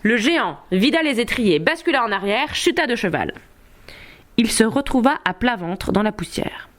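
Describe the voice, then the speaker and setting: A woman narrating an audiobook of a medieval tale, in a measured, expressive storytelling manner. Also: fairly high pitch.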